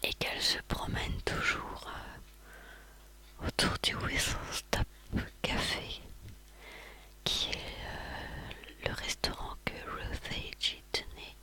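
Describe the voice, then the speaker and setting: Slow, breathy library-style ASMR whisper. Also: bright, forceful tone. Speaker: ASMR video host recounting favourite books and films.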